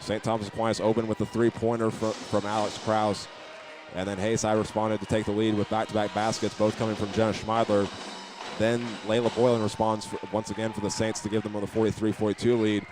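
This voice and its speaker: This basketball play-by-play comes from a man whose voice is on the low side, delivered flatly and a little fast. He's calling the game live in an indoor arena, sometimes stumbling or doubling a word, with gym noise in the background.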